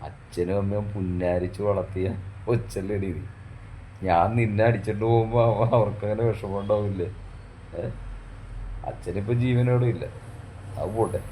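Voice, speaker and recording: A man playing a husband in a domestic skit, coaxing and gently scolding his wife in an affectionate way. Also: fairly low pitch, a little hiss or hum.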